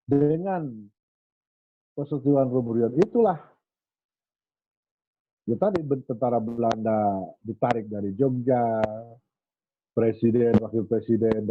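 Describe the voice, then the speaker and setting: A man telling history in a relaxed, anecdotal way, acting out remarks he quotes. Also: mid-range voice, slightly rough. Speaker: speaker on history. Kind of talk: storytelling history talk. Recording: tinny phone-like recording.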